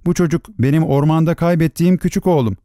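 A man's voice: fairly high pitch, quick pace, dark tone, dry recording, clean studio sound, pitched above the performer's own voice, lightly acted. An actor voicing a grieving beggar woman who pleads and laments as a mother searching for her lost son in a fairy tale. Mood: pleading.

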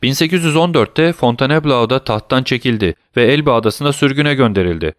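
Brief: male reader as a pleading young sailor prisoner, dry close audiobook sound, mid-pitched. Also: expressive, a little fast, no room sound, natural voice. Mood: earnest. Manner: imploring, raised exclamations.

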